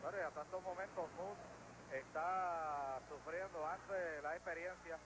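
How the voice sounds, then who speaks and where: A man's voice: a little high, measured pace. A man giving analytical color commentary on wrestling, recorded on an old degraded TV tape. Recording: noisy, degraded 1980s TV tape.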